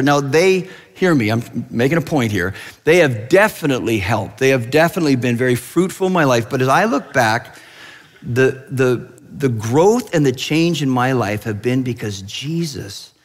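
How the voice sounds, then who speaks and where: A man's voice: mid-range voice, long reverb tail. A male pastor giving a conversational sermon, telling stories with restarts and asides.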